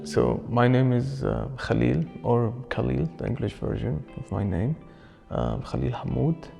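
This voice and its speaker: A man's voice: medium pitch, measured pace, creaky. A man in his early twenties, raised in Syria, speaking thoughtfully in an interview and searching for his words. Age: early 20s. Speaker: student interviewee. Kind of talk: reflective documentary interview. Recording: reverberant space with faint music.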